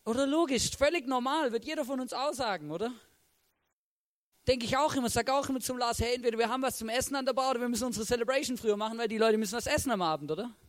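A man's voice: extremely high pitch, rapid-fire. A man preaching a sermon to a church, talking animatedly and peppering his sentences with "hey" and "oder?". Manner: acts out characters' reactions in a raised voice.

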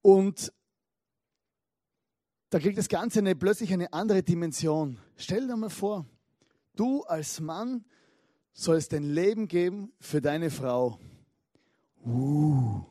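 High-voiced preacher, dry sound. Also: male voice, takes it slowly, pauses often, no room sound. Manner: animated storytelling with frequent asides. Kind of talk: lively sermon.

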